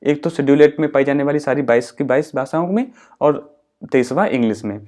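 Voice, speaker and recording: A man's voice: medium pitch, darkish tone. Hindi-speaking man teaching exam facts. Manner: explains slowly, repeats points, mixes English terms into Hindi. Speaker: exam-prep teacher and channel host. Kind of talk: educational explainer.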